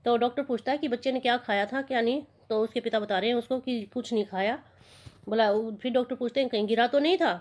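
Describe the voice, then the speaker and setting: Woman teacher, fairly high voice, reads a textbook play aloud and then explains it plainly. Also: fast talker. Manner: reads lines aloud then retells them in simple words.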